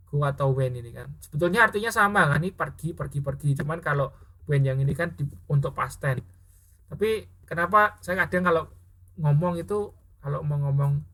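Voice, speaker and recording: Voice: medium pitch, a bit bright, slight background noise. An English teacher in a casual classroom explanation, often stopping to check understanding and correcting themself mid-sentence. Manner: keeps checking understanding with tag questions; mixes spoken English example sentences into explanation.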